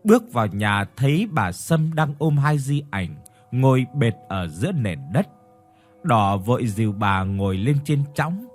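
Male narrator, ghost story reading, slow, expressive, lively pitch, faint music underneath.

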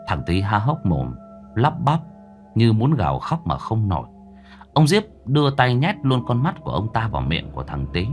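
A man narrating a horror story in a dramatic, suspenseful manner, slowing down for tense moments. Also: lowish voice, wildly swooping pitch. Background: soft background music.

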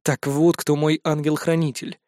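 A man narrating a fantasy adventure in first person, brisk and wry. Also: fairly high pitch, level tone, darkish tone, no room sound, clean studio sound. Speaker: audiobook narrator.

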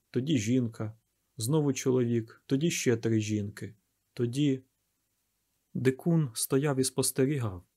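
A man narrating a novel in a measured, expressive audiobook reading. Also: mid-range voice, husky. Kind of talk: scripted literary narration.

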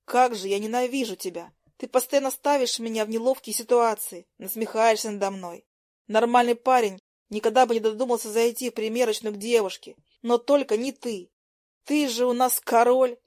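A woman's voice: mid-range voice, unhurried, hardly any pauses, dry recording, studio quality, natural voice. Woman playing a furious teenage schoolgirl. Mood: furious, indignant. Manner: sharp, shouting, indignant. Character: indignant teenage schoolgirl, hot-tempered.

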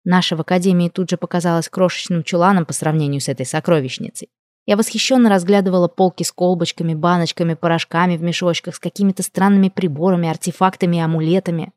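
A woman with a lowish voice tells a first-person fantasy story, lively and expressive. The recording is dry and close, with no room around it. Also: no echo. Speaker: audiobook narrator.

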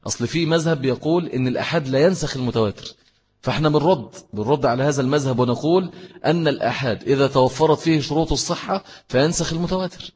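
A man's voice: a little high, very fast, darkish tone, slightly rough, long reverb tail. A man with an Egyptian accent teaching a religious lesson, explaining step by step and repeating key phrases. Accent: Egyptian Arabic. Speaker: Islamic teacher. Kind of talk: religious lesson with answers to questions.

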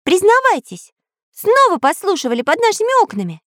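A woman doing Karandash, a squeaky boy. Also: moderate pace, dry recording, clean studio sound. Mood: accusing. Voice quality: very high, piping. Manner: eager, exclaiming. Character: excitable boy pencil artist, high and squeaky.

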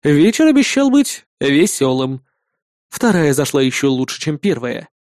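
A man reads an audiobook with wry, lively storytelling. His fairly high voice rises and falls a great deal yet stays mellow and dark. The recording is close and dry. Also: measured pace, no room sound. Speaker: narrator. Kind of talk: audiobook narration.

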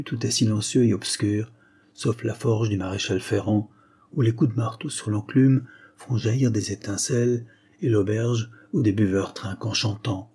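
A man narrating a classic novella as an audiobook in a measured, expressive way. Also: lowish voice, husky.

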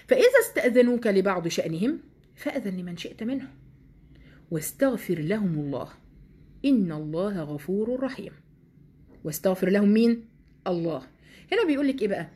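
A woman speaking with an Egyptian Arabic accent leads a religious lesson. Her speech is quick and her voice is mellow. She reads passages and then explains them with lively emphasis. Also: mid-range voice, slightly rough. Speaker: Quran teacher.

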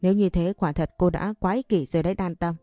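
A woman's voice: lowish voice, fairly even intonation, quick pace, mellow, no room sound, clean studio sound, soft background music, natural voice. A woman voicing a stern, scornful older mother-in-law who scolds and demands in a storybook reading. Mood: pleading.

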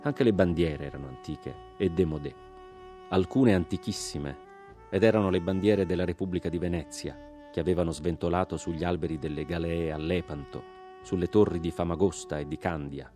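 A man's voice: low-pitched, fairly quick, warm tone, soft background music. A man giving a dramatic audiobook reading, impassioned when he speaks his own lines in the argument. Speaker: reader.

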